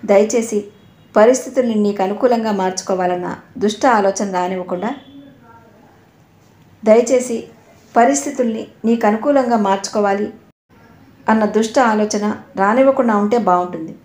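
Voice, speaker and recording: A woman's voice: mid-range voice, moderate pace, long pauses, darkish tone, close to an everyday voice. A woman voicing a proud young woman who speaks sharply and indignantly, in a storybook reading. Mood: stern. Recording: roomy echo.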